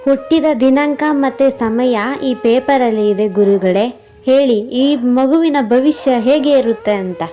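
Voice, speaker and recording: A woman's voice: high voice, slow pace, dark tone, faint music behind. A woman voicing a harsh middle-aged father in a cartoon story, scolding and scornful. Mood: eager.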